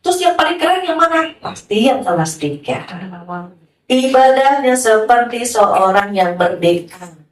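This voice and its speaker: A woman preacher giving a sermon to a gathering, talking in a lively way and asking many rhetorical questions. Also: a little high, unhurried. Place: hall with a listening audience. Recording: roomy, from a distance.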